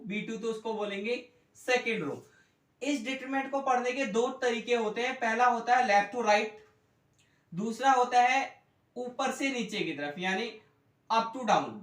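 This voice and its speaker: A male economics tutor explains a whiteboard math lesson slowly, repeating himself and asking students questions along the way. His voice is extremely high-pitched and a bit bright. The room echoes and the mic sits far away.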